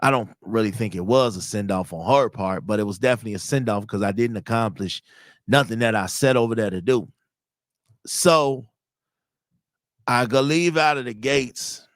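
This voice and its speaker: A podcast host from Chicago, United States, in his thirties, relates personal stories in a conversational, slangy manner and acts out quoted dialogue. He speaks at a fairly low pitch and normal speed, captured in a dry, studio-quality recording.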